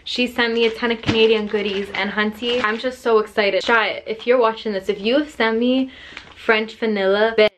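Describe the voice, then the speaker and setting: A young woman chatting excitedly in a casual vlog at home, gushing and swearing freely. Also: on the high side, moderate pace, slight background noise. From United Kingdom. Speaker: beauty vlogger. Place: at home, indoors.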